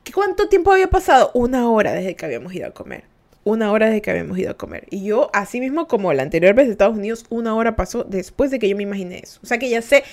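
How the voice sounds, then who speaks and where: A young woman from Ecuador, hosting a podcast and telling a story to listeners in a casual, animated way. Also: mid-range voice. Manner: animated, acts out voices and laughs while telling. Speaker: podcast host.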